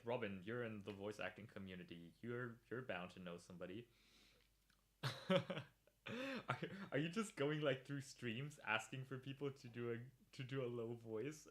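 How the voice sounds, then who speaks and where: A man in the middle range of pitch hosts a relaxed livestream podcast. He talks casually, laughs often and answers viewers in chat between his points.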